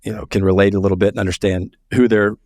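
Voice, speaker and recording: A man's voice: lowish voice, flat delivery, quick pace, darkish tone, dry recording, clean studio sound. A man hosting a podcast, reading a scripted intro and then asking loose questions with plenty of fillers. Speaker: podcast host.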